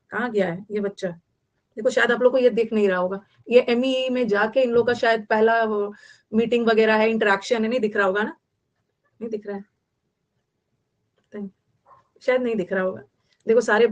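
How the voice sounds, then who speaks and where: Young Indian woman teacher, higher voice, repeats each word as she explains it. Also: a little mellow. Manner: explains in Hindi mixed with English, repeating words. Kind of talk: online vocabulary class.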